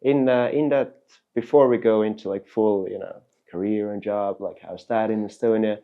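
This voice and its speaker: A podcast host with a lowish, steady voice speaks at a moderate pace over phone-quality audio. In this casual interview he asks long, wandering, probing questions.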